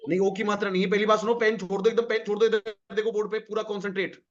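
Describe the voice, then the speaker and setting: A man's voice: high voice, level tone, very fast, dull audio. A man teaching an online class, coaxing students, repeating each point and calling on them by name.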